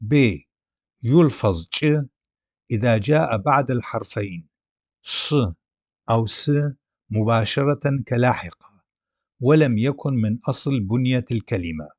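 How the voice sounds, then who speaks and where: A man's voice: mid-range voice, animated, a little slow, pauses often, darkish tone, dry recording. A man giving a grammar lesson, carefully sounding out letters and example words one by one. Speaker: language teacher.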